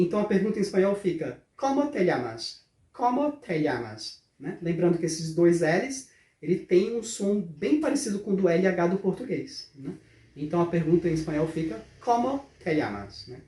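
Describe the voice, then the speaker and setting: A man teaching a spoken language lesson, patiently slowing down and repeating phrases for pronunciation. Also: sits high, mellow. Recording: roomy echo.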